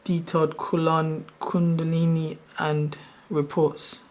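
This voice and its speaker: Taking it slowly, a thirty-something Sri Lankan channel host demonstrates a tutorial on his screen. His voice sits a little high and stays flat, while his loose, chatty explanation wanders and keeps correcting itself partway through sentences.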